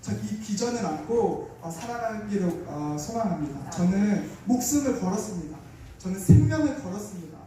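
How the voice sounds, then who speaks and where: A young man preaches with fervent, prayerful intensity, his high voice soft and mellow. He is heard from a distance in a large church hall. Heavy echo fills the sound. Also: animated, moderate pace. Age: young adult. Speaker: young lay speaker giving testimony. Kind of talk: revival sermon testimony. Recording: echoey church hall from afar.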